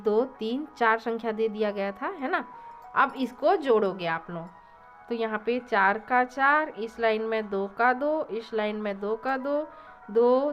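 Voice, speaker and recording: Woman teacher walking through decimal sums. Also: on the high side. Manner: counts digits aloud, checks in with "thik hai". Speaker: math teacher. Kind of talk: classroom math lesson. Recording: dull lo-fi recording.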